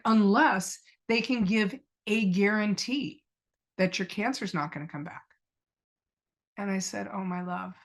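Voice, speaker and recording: A middle-aged woman, a podcast guest, earnestly telling a personal story and retelling past conversations as quoted dialogue. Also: medium pitch.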